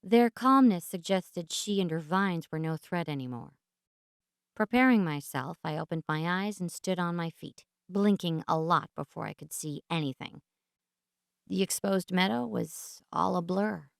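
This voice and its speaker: A woman with a fairly low voice reads fantasy fiction as an audiobook narrator. Her delivery is theatrical and deliberate, with dramatic pauses, in a dry, close-sounding recording. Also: vocal fry, smooth, dry recording.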